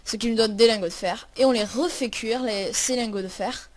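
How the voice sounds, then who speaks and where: Chatty woman, slightly high. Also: moderate pace. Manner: chatty, many hesitations. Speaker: tutorial host. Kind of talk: casual game tutorial.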